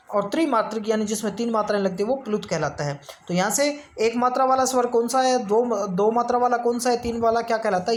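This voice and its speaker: A woman with a slightly high voice gives a grammar lesson for exam students. She explains step by step, poses questions and answers them herself, and stretches out vowel sounds slowly to demonstrate them. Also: a little hiss or hum. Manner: frequent check-ins of "theek hai". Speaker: teacher.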